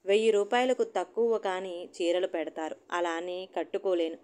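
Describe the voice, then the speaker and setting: A woman's voice: on the low side, fairly even intonation, normal speed, mellow, smooth, lightly acted. A woman voicing an irritable middle-aged housewife who complains sharply and peevishly.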